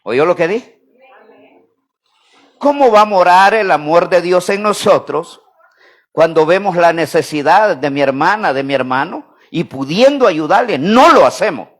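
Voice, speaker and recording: A Salvadoran man preaching a sermon, calling on the congregation to repeat after him and swinging between loud emphasis and quiet asides. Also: sits high, expressive, measured pace. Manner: call-and-response preaching, asks congregation to repeat. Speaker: pastor.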